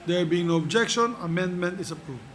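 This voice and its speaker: High-voiced Filipino man presiding in session. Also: a little fast. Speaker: presiding officer of the Senate. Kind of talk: formal parliamentary procedure. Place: legislative session hall.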